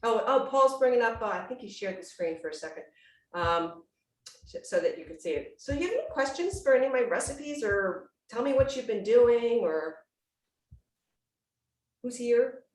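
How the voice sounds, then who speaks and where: A woman's voice: a little high, lively intonation, normal speed, a little mellow. A woman hosting an online cooking class, talking in a casual, chatty, exclamatory way over a video call. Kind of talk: casual livestreamed cooking demonstration chat. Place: indoors at home, on a video call. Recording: roomy, distant-mic video-call sound.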